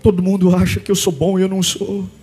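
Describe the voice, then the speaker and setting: A Brazilian pastor delivers a fervent sermon in a high voice, swinging between shouted, chanted lines and a low, hushed appeal. His accent is Brazilian Portuguese. Soft music plays faintly behind him. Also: monotone, fast.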